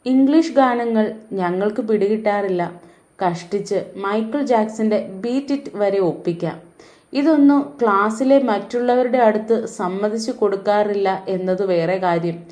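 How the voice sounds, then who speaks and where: A woman narrating a novel as an audiobook in a steady, even reading voice. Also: medium pitch, moderate pace.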